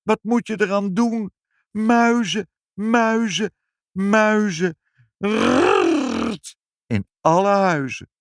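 A man's voice: normal speed, no echo, studio quality. Een man die met hoge, beweeglijke stem een moeder uit een kinderverhaal speelt. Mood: lively recital. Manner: animated, high, expressive. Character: lively, caring mother in a storybook.

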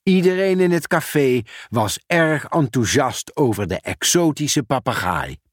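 Slow, expressive male storybook reader. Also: medium pitch, no echo, clean studio sound. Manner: expressive, unhurried reading. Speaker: narrator. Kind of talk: storybook read-aloud narration.

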